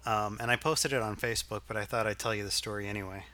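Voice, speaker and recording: Middle-aged man, from Arkansas, bright voice, casual rambling storyteller, swears freely. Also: fairly low pitch, fast talker, dry recording. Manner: rambling, profane, animated storytelling. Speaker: podcast co-host.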